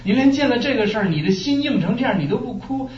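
A man from China preaching a sermon, telling stories lively and asking rhetorical questions. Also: very high-pitched, quick pace. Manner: animated storytelling with rhetorical questions. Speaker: pastor. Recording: echoey room, distant muffled mic.

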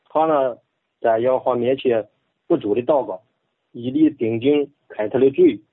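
A modest, quiet man from Henan speaking in Henan dialect as a radio co-host, reading aloud. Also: medium pitch, normal speed, husky, dry recording, phone-quality sound. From Henan, China. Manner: modest, quiet, laughs shyly.

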